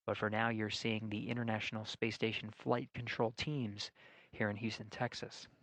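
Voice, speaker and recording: Measured male mission commentator, dry sound. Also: on the low side, flat delivery, a bit bright, no echo. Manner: measured, formal, explanatory. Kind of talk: live broadcast commentary.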